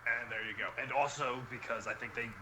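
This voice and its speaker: A man's voice: medium pitch, fairly even intonation, fairly quick. A man chatting casually as a podcast co-host, his voice hollow with a cave-like echo from a misplaced headset mic. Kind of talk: casual chat. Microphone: headset mic pushed up into headphones. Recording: echoey, distant, with loud background noise.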